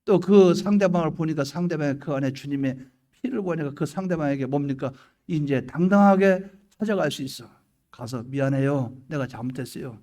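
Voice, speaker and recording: A middle-aged pastor preaches a sermon, shifting between hushed prayer and loud questions to the congregation and acting out little scenes in his own voice. His voice sits on the high side and moves fairly quickly.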